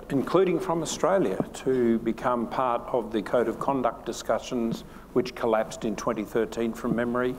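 An older man speaking earnestly on a conference panel. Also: mid-range voice. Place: stage of a conference hall. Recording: hall reverb with faint noise.

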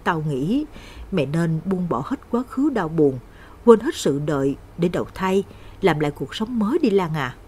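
A woman's voice: lowish voice, sing-song, normal speed, dark tone, husky. A woman voicing an older village woman, a loyal friend who pleads earnestly. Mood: pleading.

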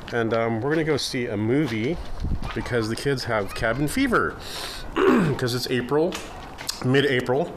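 A man in his forties chatting casually to a handheld camera in his garage, rambling and easygoing. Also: mid-range voice. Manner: rambling, easygoing, restarts sentences. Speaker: family vlogger. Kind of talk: casual vlog chat. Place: garage at home, indoors. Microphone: handheld camera close to face. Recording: noisy home camera audio.

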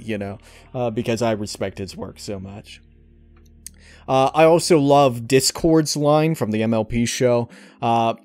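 A man who hosts a channel and does amateur voice acting answers interview questions casually, rambling, hesitating and sounding enthusiastic. His medium-pitched voice has a darkish tone with no echo, and music plays behind it.

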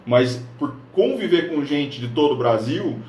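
A man's voice: mid-range voice, expressive, unhurried, a little mellow, a little hiss or hum. A man from northern Paraná, Brazil, hosting a live stream and coaching viewers on social media in an upbeat, direct way, talking straight to the camera. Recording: echoey room.

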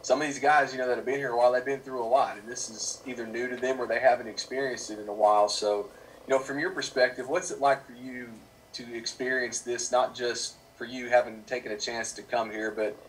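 A man's voice: medium pitch, fairly even intonation, a little fast, far from the mic, poor audio. A man reporting at a press conference, asking long rambling questions full of fillers. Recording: off-mic with faint room noise.

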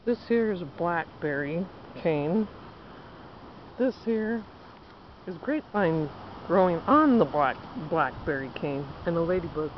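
Thirties woman, casual garden-tour vlogger, handheld outdoor camera with dull sound and steady background noise. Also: lowish voice, unhurried. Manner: chatty, pointing things out while walking. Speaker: home gardener. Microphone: handheld camera at arm's length.

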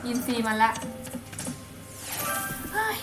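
A woman's voice: extremely slow, echoey room, distant mic, over music, low-quality recording. A woman with an Isan accent chatting to viewers as she plays an online slot game, giggly and coaxing the game aloud. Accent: Isan (Northeast Thai). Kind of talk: casual chat to viewers while playing.

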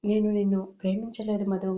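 A woman reading the part of a young man torn between his love and his father's wishes, in a gentle, pleading way. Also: medium pitch, flat delivery, a little fast, dull audio, lightly acted.

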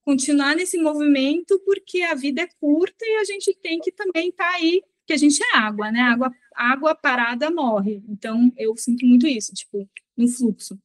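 A woman in her thirties chatting on a video call as an interview guest, relaxed and reflective, often ending lines with a quick tag question. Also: sits high, no room sound. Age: 30s. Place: small bedroom indoors. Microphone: laptop webcam on video call.

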